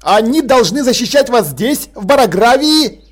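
In a storybook reading, a curt, menacing vampire soldier, put on by a man snaps out short orders. The voice sits high and keeps a cold, clipped edge. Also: big pitch swings, moderate pace, exaggerated voice. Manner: curt, cold, menacing, then frantic about coffee.

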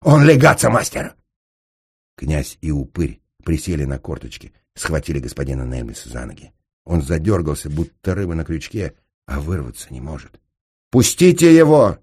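Deep husky male audiobook narrator. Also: a little fast. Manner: dramatic, expressive.

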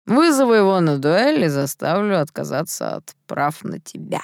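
A woman reading an audiobook, voicing a drunk, carefree young man who teases and swoops between high and low notes. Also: very animated, moderate pace, gravelly, darkish tone, dry recording, studio quality. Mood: teasing.

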